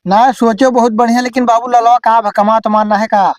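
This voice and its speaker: A man's voice: very high voice, fairly even intonation, normal speed, slight background noise. A man playing a blunt, bossy village headman who hands out advice in an Awadhi accent in an amateur comedy sketch. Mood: inquiring. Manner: blunt, advising.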